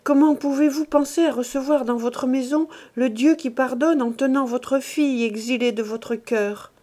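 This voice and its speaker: A frail, devout old wife, pleading and emotional, her voice rising high, as a woman reader puts her on. The tone is mellow, from a storybook reading. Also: fairly even intonation, moderate pace, natural voice.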